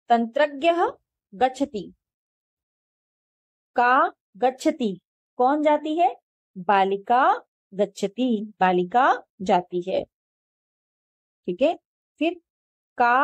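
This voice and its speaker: A woman teaching a language lesson, saying each word slowly and then translating it. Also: a little high, no echo. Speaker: Sanskrit teacher. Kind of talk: slow classroom explanation.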